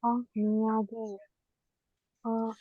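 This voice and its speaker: A woman student reads aloud slowly and carefully, tripping over a word now and then. Her voice is dry and close, with the muffled dullness of a video call. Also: on the high side, monotone, no room sound. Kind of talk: reading aloud and answering in class.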